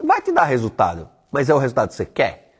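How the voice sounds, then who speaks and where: A man's voice: mid-range voice, wildly swooping pitch, fast talker, breathy edge. A man giving a blunt, profane motivational talk on a live stream. He tells stories and mimics the people in them. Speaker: online weight-loss coach.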